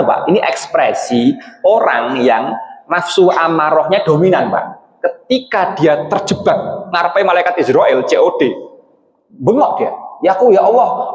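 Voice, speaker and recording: Lively Javanese-accented man preaching. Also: a little high. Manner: lively, animated, often addresses listeners as Pak. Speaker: religious teacher. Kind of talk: sermon. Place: hospital hall. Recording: echoey hall reverb.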